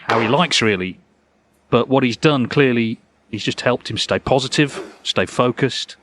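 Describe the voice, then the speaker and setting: A man's voice: medium pitch, a little slow. A man giving live snooker commentary as a match commentator. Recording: loud crowd and arena noise.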